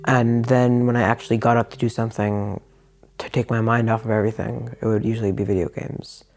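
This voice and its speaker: A man's voice: level tone, a little fast, gravelly, a little mellow. A man giving a frank, reflective personal account in an interview. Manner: reflective, frank, low-key. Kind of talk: candid personal testimony.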